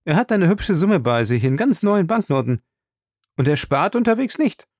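A man voicing an excitable, talkative young French manservant in a storybook reading, proud and quick to take offence. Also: high voice, no echo, clean studio sound, pitched above the performer's own voice. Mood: chatty. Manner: chatty, proud, indignant.

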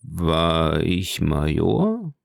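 A man's voice: lowish voice, animated, takes it slowly, gravelly, warm tone, dry recording, studio quality, exaggerated voice. A man reading aloud voices a nervous, timid old Italian ex-soldier who answers with wondering questions. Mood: uneasy, wondering. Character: elderly timid Italian ex-major, nervous and eager.

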